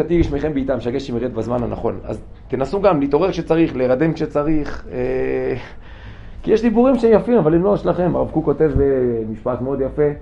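Rabbi teaching a lively class. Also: male voice, on the high side. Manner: lively, asks students questions, jokes. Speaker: yeshiva rabbi giving a class. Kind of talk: informal Torah class to students. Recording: dull lo-fi room recording with faint noise.

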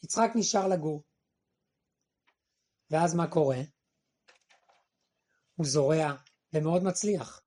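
A man giving a Torah class, who asks questions and answers them himself, and quotes verses and what figures say in a lower, quieter voice. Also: long pauses. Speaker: Torah teacher.

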